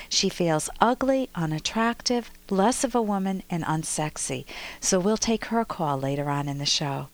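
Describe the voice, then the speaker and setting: A woman hosting a radio call-in advice show as a psychologist, telling a story in an animated way and acting out a child's voice. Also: lowish voice. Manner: animated storytelling, acts out a toddler's voice.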